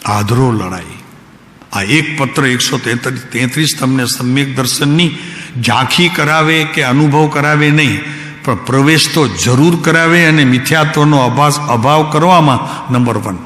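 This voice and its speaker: A man, a spiritual teacher, giving a devotional discourse in a calm, unhurried way and asking his listeners direct questions. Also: medium pitch. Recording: echoey hall, faint background noise.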